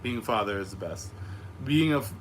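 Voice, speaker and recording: Animated and fairly quick, a young streamer with a fairly low, slightly raspy voice tells rambling stories during his live Q&A, cursing freely and speaking frankly. Having been sick, he is losing his voice. Background noise is clearly audible in his upstairs room at home.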